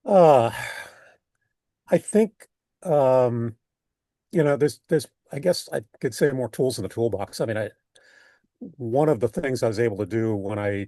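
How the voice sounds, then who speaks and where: An older man with an American accent talks reflectively in an interview, thoughtful and halting as he rephrases mid-sentence. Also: medium pitch, dark tone, no room sound. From United States. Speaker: poet being interviewed.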